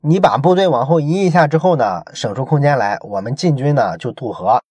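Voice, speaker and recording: A man voicing a smooth-talking male envoy who coaxes a king with exaggerated politeness, inside a retold history story. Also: mid-range voice, animated, a little fast, a little mellow, no room sound. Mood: coaxing. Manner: coaxing, overly polite.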